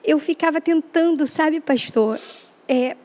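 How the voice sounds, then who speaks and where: A woman's voice: sits high, takes it slowly, crowd noise. A woman guest giving an emotional personal testimony, earnest and acting out the dialogue she recalls. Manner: earnest, re-enacts dialogue, frequent "né?".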